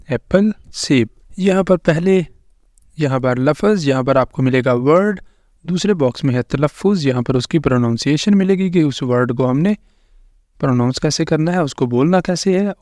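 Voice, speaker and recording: A man's voice: mid-range voice, a little mellow, no echo, studio quality. A man teaching English vocabulary, saying each word and its meaning twice. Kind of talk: slow instructional narration over slides.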